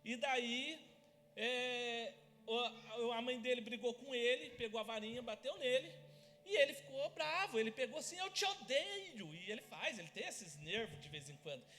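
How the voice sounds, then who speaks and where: A man preaching in church, telling family stories in a lively way. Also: very high voice, moderate pace, soft background music. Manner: lively storytelling, acts out family scenes. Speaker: pastor. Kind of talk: sermon with personal stories. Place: church hall. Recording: church hall reverb.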